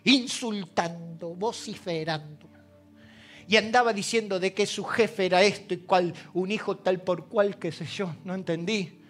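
A middle-aged pastor with an Argentine accent delivers a sermon in a very high, bright voice. He tells stories and acts out the quoted lines, dropping into hushed asides between loud, emphatic lines. Faint music plays underneath. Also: measured pace, breathy edge. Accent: Argentine Spanish. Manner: storytelling, acting out quoted dialogue. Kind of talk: sermon with told anecdotes.

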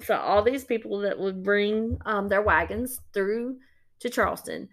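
A woman co-hosting a podcast, telling an old story in a relaxed, rambling way. She restarts her sentences often and leans on "um" and "like.". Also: mid-range voice, unhurried. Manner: rambling, filler-heavy retelling. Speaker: podcast co-host. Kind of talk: casual storytelling chat.

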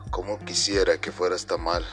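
A man putting on a deep, slow announcer voice for podcast promos. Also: flat delivery, soft background music, lightly acted. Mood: solemn.

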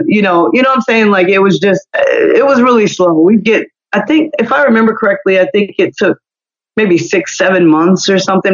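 A woman in her forties, a singer, chatting as a podcast guest in a loose, rambling way. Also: medium pitch. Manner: rambling, many "you know" fillers. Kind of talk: casual interview chat. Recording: slightly dull lo-fi audio.

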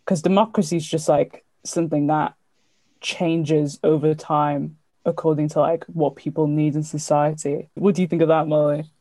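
A woman's voice: sits low, flat delivery, normal speed, mellow, dry recording. A young woman, asking questions and explaining things in casual conversation. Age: young adult. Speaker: interviewer.

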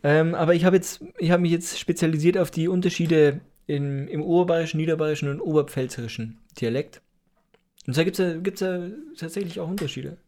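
Male podcast co-host, slightly raised pitch, hesitant explainer who teases his partner. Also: steady tone, fairly quick, a little mellow. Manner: explanatory, hesitant with many fillers, teasing. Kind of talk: casual podcast chat.

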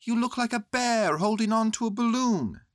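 A woman's voice: fairly high pitch, animated, moderate pace, no echo, clean studio sound, pitched above the performer's own voice, lightly acted. A woman voicing a young boy in a children's story, sensible and fond, speaking in plain questioning phrases. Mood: matter-of-fact. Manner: plain, questioning, matter-of-fact.

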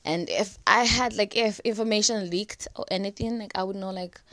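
This chatty young woman, a vlogger, gives laid-back advice to camera with plenty of "like"s and other fillers. Flu and a dry cough make her voice slightly cracked, though its medium pitch stays fairly bright at a moderate pace in a dry recording.

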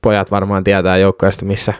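Animated Finnish-speaking man telling a story. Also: deep voice, clean tone, dry recording, studio quality. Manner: animated, swearing, laughing while telling. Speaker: podcast co-host telling a story. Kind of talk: casual storytelling chat.

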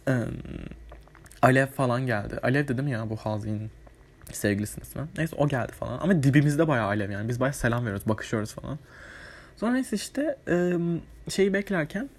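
A man telling a casual, rambling storytime monologue, chatty with lots of fillers and offhand swearing. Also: mid-range voice. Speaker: vlogger.

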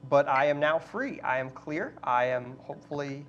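A man's voice: on the high side, lively intonation, normal speed. Man, podcast co-host, upbeat, chatty, slightly dull recording, faint hum. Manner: upbeat, chatty, many fillers. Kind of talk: casual podcast chat.

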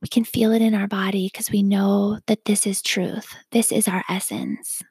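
A woman leading a guided self-awareness meditation, speaking softly and calmly with a whispery, breathy delivery. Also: mid-range voice, dry recording. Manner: slow, calm, gently instructive.

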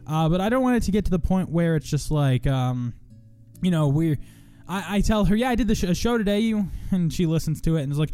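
A young man hosts a podcast from a small studio in a loose, rambling chat. His talk is profane and self-mocking, and his pitch swings widely, a touch high for a man. Faint guitar music plays behind him. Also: animated, a little fast, dark tone, clear, resonant tone. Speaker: podcast host. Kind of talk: casual chat.

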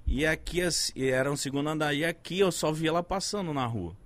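A man in his thirties chatting casually, telling a story in an animated way, swearing often and acting out what people said. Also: a little high, quick pace. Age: 30s. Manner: animated storyteller, swears a lot, acts out quoted lines. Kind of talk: casual chat.

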